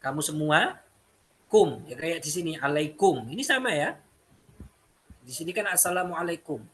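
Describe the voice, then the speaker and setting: A man's voice: a little high, lively intonation, moderate pace, a bit bright, a little hiss or hum. A man teaching an Arabic lesson, explaining step by step and repeating phrases. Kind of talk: classroom lesson.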